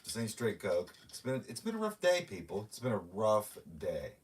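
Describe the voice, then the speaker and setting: Middle-aged male streamer, lowish voice, ranting chat, slightly distant mic with faint room noise. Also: wildly swooping pitch, normal speed. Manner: ranting, talks to his cats. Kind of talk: rambling live-stream chat.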